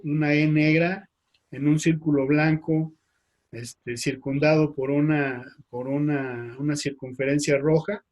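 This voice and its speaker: A man, a priest with a Mexican Spanish accent, giving a slide lecture, speaking haltingly with frequent fillers and tag questions. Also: on the high side, a little mellow. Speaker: priest teaching.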